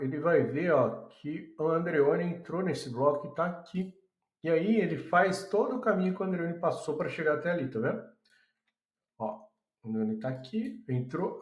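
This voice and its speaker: Chatty Brazilian man in a roomy echo. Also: mid-range voice. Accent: Brazilian Portuguese. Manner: chatty, addresses viewers as a group, thinks aloud. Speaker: tutorial presenter. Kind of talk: casual screen-recorded software demo.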